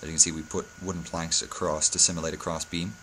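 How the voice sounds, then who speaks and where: A man's voice: sits low, level tone, fast, fairly bright tone, a little hiss or hum. A hungover man giving a casual game-building tutorial, speaking hesitantly and often correcting himself. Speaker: video tutorial host.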